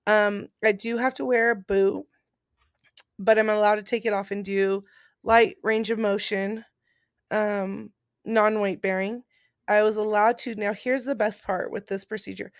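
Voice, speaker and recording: A woman speaks in an informal, explanatory way, like a casual vlog chat. Her voice has a noticeable gravelly fry at a middle pitch. The sound is dry, with very little room in it. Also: level tone, moderate pace, dry recording. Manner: informal, explanatory, reading out points then paraphrasing. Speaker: vlogger and post-surgery patient. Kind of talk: casual chat about recovery.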